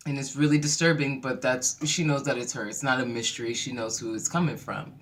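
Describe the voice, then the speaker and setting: A host giving a casual recap of a reality TV episode, telling it as an animated story and acting out the quotes. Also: medium pitch, fairly quick, a little hiss or hum. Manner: animated storyteller who acts out quotes in voices; laughs easily while retelling.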